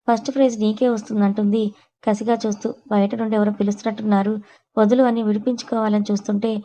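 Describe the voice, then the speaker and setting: A woman narrating an audio story with a steady, even reading. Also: medium pitch, low-quality recording.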